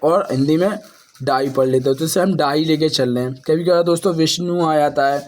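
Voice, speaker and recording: A man's voice: on the high side, brisk, darkish tone, a little hiss or hum. A man teaching the Hindi alphabet, reciting syllables one by one and explaining them in a repetitive, friendly way to viewers he calls friends. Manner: addresses viewers as friends, repeats for emphasis.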